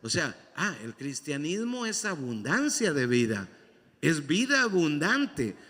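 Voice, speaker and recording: High-pitched preaching man in a reverberant church. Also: very animated, a little slow, sharp tone. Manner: preaching with repetition and call-and-response to the congregation. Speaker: pastor. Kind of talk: sermon. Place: church sanctuary. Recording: long hall reverb in a church.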